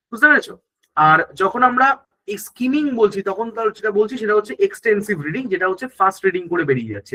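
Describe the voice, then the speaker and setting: A man, speaking in a high, bright, ringing voice, teaches an online exam-prep class. He lays each idea out step by step, asks the students' questions himself and answers them, and keeps checking that everyone follows. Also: poor audio. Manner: explains step by step, asking and answering his own questions.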